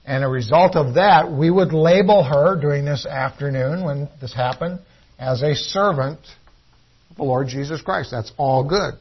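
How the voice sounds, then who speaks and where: A man delivers a sermon in an earnest, teaching way, often doubling back on his words. His voice sits a little high and has a husky edge. The recording sounds dull and lo-fi. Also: moderate pace. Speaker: preacher.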